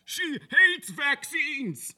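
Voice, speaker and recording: Man doing a spam robot, crude and pushy, clipped robotic delivery, squeaky high voice, slow. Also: sing-song, pushed and bright, full character voice. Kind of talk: improvised comedy podcast.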